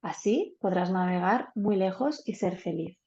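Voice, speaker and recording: A gentle, selfless tree speaks softly in a storybook, voiced by a woman reading aloud. The voice is mellow and warm. The audio is dull and lo-fi, like a video call. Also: lowish voice, animated, a little slow. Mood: tender.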